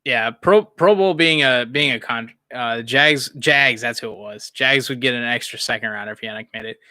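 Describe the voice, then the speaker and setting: A man's voice: medium pitch, moderate pace, bright, forceful tone, no room sound. A young man doing casual live play-by-play of a football game, rambling and chuckling as he answers chat between plays. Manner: rambling, laughs often, reads chat aloud.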